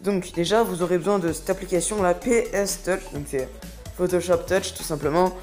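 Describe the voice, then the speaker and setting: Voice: mid-range voice, steady tone, normal speed, darkish tone, faint music behind. A young tutorial host talking through a phone app step by step in a casual, rambling way, full of hesitations. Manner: chatty, rambling, filled with hesitations. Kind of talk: casual screen-recording tutorial.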